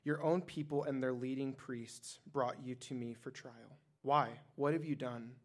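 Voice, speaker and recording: A man's voice: medium pitch, fairly even intonation, a little slow, natural voice. A man reading the lines of a stern Roman governor in a scripture reading, with a questioning, slightly raised delivery.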